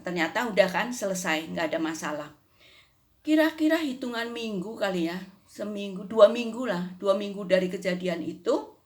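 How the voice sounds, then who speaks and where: An older woman recounting a faith experience in an easy, conversational manner. She drops in little tag questions and acts out the dialogue as she goes. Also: medium pitch. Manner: conversational, frequent "gitu ya" tags, acts out dialogue. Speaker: churchgoer giving testimony. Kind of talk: personal faith testimony.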